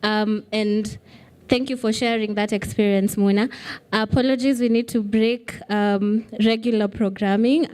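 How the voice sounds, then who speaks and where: A woman's voice: mid-range voice, mellow, smooth. A woman moderating a summit panel, polite and a bit hesitant.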